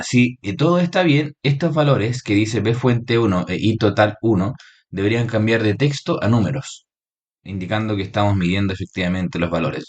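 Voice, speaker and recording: Low-voiced man explaining a software tutorial. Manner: explains step by step, checks in with frequent "¿sí?" and "¿bien?". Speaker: electronics teacher. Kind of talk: screen-recorded software tutorial.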